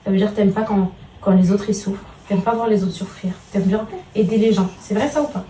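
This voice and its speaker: A woman's voice: mid-range voice, steady tone, fairly quick, dark tone. A mother who speaks tenderly and showers her children with pet names, then chats casually to her followers. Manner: chatty, addresses her followers as girls. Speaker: mother and vlogger. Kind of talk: casual vlog talk. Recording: roomy and noisy, from a distance.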